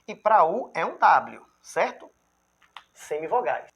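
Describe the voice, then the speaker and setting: A man's voice: a little high, breathy edge. A man with a Brazilian accent teaching a grammar lesson, who keeps checking in with the viewer and sounds out example words syllable by syllable. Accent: Brazilian Portuguese. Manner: lively, checks in with the viewer constantly; spells out examples slowly, syllable by syllable.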